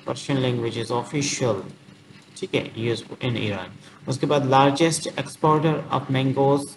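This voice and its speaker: A man's voice: mid-range voice, gravelly. Man patiently talking through quiz answers. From Sindh, Pakistan. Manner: unhurried, many fillers, reads questions slowly in English. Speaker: teacher. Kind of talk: explaining quiz answers on a whiteboard. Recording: noticeable background noise.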